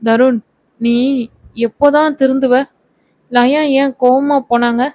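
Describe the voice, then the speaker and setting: A woman's voice: a little high, level tone, slow pace, no room sound. A woman reading as a scolding, sarcastic young woman.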